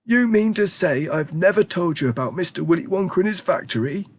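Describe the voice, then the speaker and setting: A man voicing an excitable ancient grandfather. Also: high-pitched, fairly quick, voice pushed up. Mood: excited. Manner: exclaiming, emphatic, warmly theatrical. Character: excitable very old grandfather, eager storyteller. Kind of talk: audiobook character reading.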